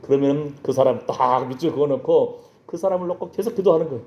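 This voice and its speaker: A man's voice: a little high, fast. A male pastor preaching a sermon, telling a story and acting out the voices of the people in it, often asking his congregation whether they follow. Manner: storytelling, acts out voices in dialogue, checks in with the congregation. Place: church sanctuary. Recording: echoey church hall, dull lo-fi sound.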